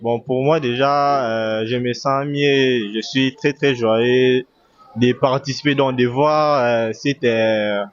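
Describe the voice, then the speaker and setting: A man from the Democratic Republic of the Congo answers a street interviewer, sounding pleased but a little hesitant. His voice sits at a middle-to-low pitch. The recording is dull and muffled. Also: steady tone, takes it slowly, no room sound.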